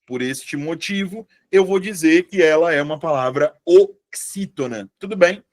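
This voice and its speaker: His voice is fairly high and a little mellow, and he talks a little slowly. The Brazilian Portuguese teacher leads a casual live online class preparing students for civil service exams, staying chatty and repeatedly asking whether they are following.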